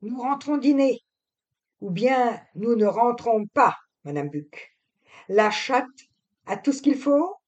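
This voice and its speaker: A woman reading an audiobook, voicing a gentle young husband who speaks quietly and measuredly. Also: a little high, lively intonation, takes it slowly, muffled recording, pitched above the performer's own voice. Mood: polite. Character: young husband, gentle, wary, fond of his cat.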